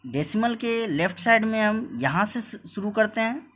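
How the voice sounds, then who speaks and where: A man teaching a maths lesson, explaining step by step, repeating points and reading numbers out slowly. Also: high-pitched, expressive, fairly bright tone. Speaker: math teacher. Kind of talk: whiteboard lesson.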